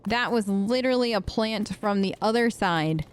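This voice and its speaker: A woman hosting a let's play, giving chatty, excitable commentary while she plays and yelping when startled. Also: medium pitch, moderate pace, clear, resonant tone. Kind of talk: gameplay commentary. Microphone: headphones with mic.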